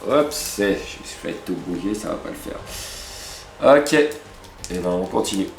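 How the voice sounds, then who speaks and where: A man's voice: low voice, measured pace, creaky. A man hosting a card-opening video, chatting casually to viewers and exclaiming over each pull. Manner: excitable, exclaiming over cards, chatty asides. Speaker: host opening trading card packs. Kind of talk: casual unboxing chat to viewers. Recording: roomy room with background music.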